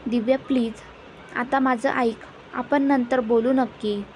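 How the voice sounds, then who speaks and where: A woman's voice: fairly high pitch, fairly even intonation, unhurried, a little mellow, a little hiss or hum, close to an everyday voice, low-quality recording. A woman reading the lines of a troubled young man who speaks curtly. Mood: irritated.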